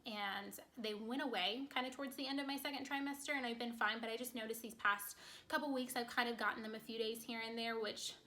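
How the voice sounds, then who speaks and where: A woman talks to her viewers in a quick, chatty vlog, her voice a little raised in pitch and notably bright. She sounds congested and slightly out of breath as the words tumble out fast. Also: steady tone. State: short of breath. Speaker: vlogger. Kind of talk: casual chat to camera.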